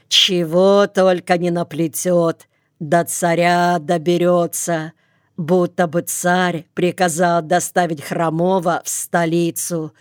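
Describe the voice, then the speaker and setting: Slow, steady woman narrating a book. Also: fairly low pitch, clean tone, dry recording, studio quality. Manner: slow, even storytelling. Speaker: audiobook narrator. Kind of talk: scripted narration.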